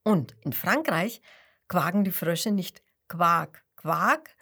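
A cheerful, chatty little frog from France, eager to tell about home, as a woman reads him aloud. The voice is soft and breathy and unhurried, like a storybook telling. He sounds friendly and proud. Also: lowish voice, heavily acted.

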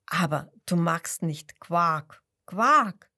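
A curious young squirrel from England in a children's story, full of eager questions, as a woman puts her on. The voice is breathy and gentle and takes its time. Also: mid-range voice, sing-song, takes it slowly, heavily acted.

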